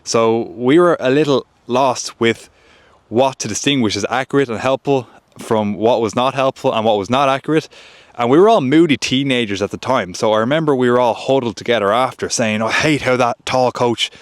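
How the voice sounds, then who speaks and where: A man's voice: mid-range voice, a little fast, dry recording. Male joint pain creator, earnest advice, dry close recording. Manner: earnest, repetitive emphasis. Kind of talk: direct-to-camera advice with a story.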